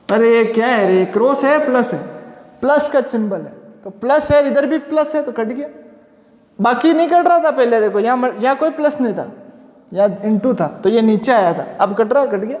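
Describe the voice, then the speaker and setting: A man teaching physics in a classroom lecture, asking and answering his own questions and slowing down to spell out formulas. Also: very high-pitched, a little mellow. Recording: echoey room with long reverb.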